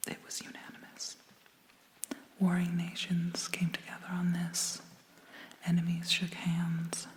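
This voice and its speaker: Female ASMR host, whispered pep talk and affirmations, breathy and gentle, unhurried delivery, very even tone. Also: on the low side. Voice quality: breathy, mostly unvoiced whisper. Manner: gentle, slow, reassuring, with long pauses.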